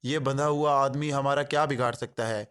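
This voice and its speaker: A man's voice: medium pitch, fairly even intonation, fairly bright tone, smooth, lightly acted. A man voicing an arrogant, short male gang boss who talks in a harsh, sarcastic way. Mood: sneering.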